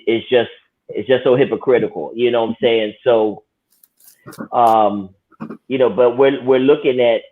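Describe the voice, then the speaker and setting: A man with a fairly low voice talks politics casually, pausing and restarting as he thinks aloud. His delivery slips into dry sarcasm. The sound is thin and tinny, as if through a phone line. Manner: sarcastic, reflective, many restarts. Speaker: podcast co-host.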